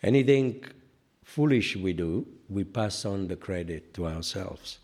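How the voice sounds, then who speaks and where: A man's voice: sits low, lively intonation, measured pace, a little mellow. An older man giving an informal spiritual class, rambling through anecdotes with many "you know" asides and self-deprecating humor. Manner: self-deprecating humor, laughs at own jokes. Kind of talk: informal scripture class sermon.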